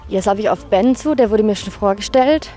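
A woman's voice: mid-range voice, brisk, mellow, faint music behind. A woman interviewing people outdoors at a festival, asking friendly, curious questions. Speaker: festival reporter. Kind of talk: casual street interview.

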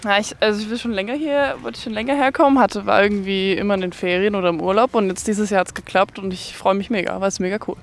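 A young woman volunteering at a festival, answering questions outdoors in a quick, informal way with youthful slang. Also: medium pitch, fairly even intonation, gravelly. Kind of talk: casual interview answers.

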